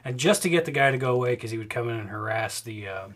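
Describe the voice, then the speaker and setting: A man's voice: medium pitch, animated, fast. Rambling man telling bar stories. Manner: rambling storyteller, acts out loud quoted voices. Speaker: podcast co-host. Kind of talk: casual drinking chat.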